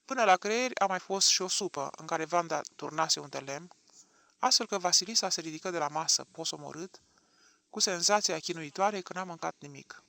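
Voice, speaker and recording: A man narrating an audiobook with an expressive, dramatic reading. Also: high voice, gravelly, no echo.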